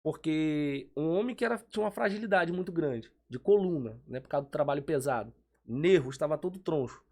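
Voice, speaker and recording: A man's voice: fairly high pitch, animated, brisk, vocal fry, a little mellow. A man who is a church guest, telling a testimony in a fervent, emphatic way. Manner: fervent, emphatic preaching turns. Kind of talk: casual testimony chat.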